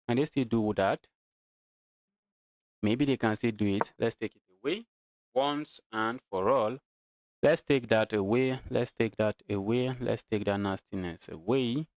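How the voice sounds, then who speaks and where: A Nigerian chess streamer with a Nigerian accent casually commentates his own live game, thinking out loud, repeating phrases and chatting with viewers. His voice is lowish and dark-toned, his pace measured, and there's no echo.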